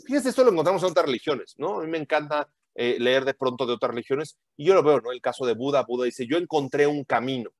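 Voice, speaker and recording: A man's voice: mid-range voice, animated, fast talker, few pauses, dry recording, studio quality. A man giving a teaching sermon to a group, emphatic and full of rhetorical questions and tag questions.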